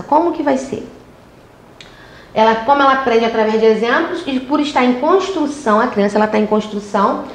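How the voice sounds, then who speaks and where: Lady teaching an online class, kinda high voice, roomy echo, keeps saying ok?. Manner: emphatic, repeats "ok?" and acts out parent talk.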